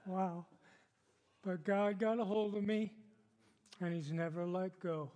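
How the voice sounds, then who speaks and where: An older man preaching a sermon as the church pastor, chatty and unhurried, with frequent laughs and filler words. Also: high voice, dark tone. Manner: chatty, slow, laughs often, many fillers. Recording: long hall reverb. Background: congregation responding.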